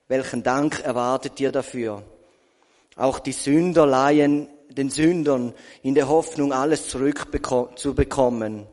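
A Swiss German man preaches in a church hall, his slightly raised voice trailing off into a long reverb. He tells his story in a lively way, full of quoted asides and questions put to the congregation. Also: a little high. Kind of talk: sermon testimony.

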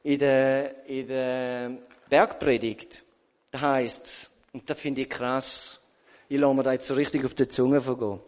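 A man's voice: medium pitch, flat delivery, measured pace, darkish tone, in a large hall. A man with a Swiss German accent giving a sermon testimony, telling his story with quoted asides and rhetorical questions. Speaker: preacher.

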